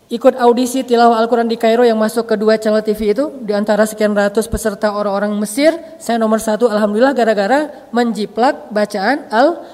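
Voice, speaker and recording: A man from Indonesia giving a casual, humorous sermon with lively storytelling and jokes. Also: high-pitched, big-room sound. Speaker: preacher.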